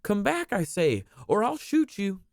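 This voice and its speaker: A man voicing a young boy in a storybook, yelling in an insistent, commanding way. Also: high-pitched, huge pitch swings, measured pace, creaky, no room sound, clean studio sound, pitched above the performer's own voice, exaggerated voice. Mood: desperate, commanding. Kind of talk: storybook character voice.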